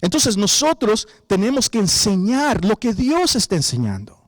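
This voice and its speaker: High-voiced animated male pastor preaching. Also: normal speed, no room sound, clean studio sound. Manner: animated preaching, quoting imagined voices, rising to shouts. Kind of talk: sermon.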